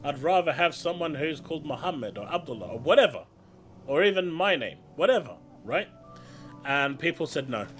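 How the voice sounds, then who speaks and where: Over game music, a man with a London accent chats casually and opinionatedly while streaming a video game. His voice is on the high side and sing-song, at normal speed.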